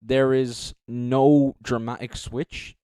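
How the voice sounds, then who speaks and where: A man's voice: mid-range voice, flat delivery, slow, mellow, smooth, no echo. A young man casually commenting on a live stream, rambling, correcting himself and swearing freely. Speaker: streamer judging beatbox entries.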